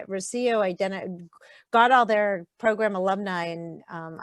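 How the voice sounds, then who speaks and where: A woman informally moderating an online meeting, speaking in halting, hesitant phrases. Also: lowish voice, dry recording. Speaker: meetup host. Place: virtual meeting.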